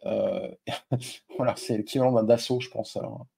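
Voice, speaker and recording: Here the investing host talks at a normal speed in a medium pitch, his delivery flat, mellow and husky with some vocal fry. He is a middle-aged man whose first language is French, and he explains things casually and familiarly, using lots of fillers and addressing viewers directly.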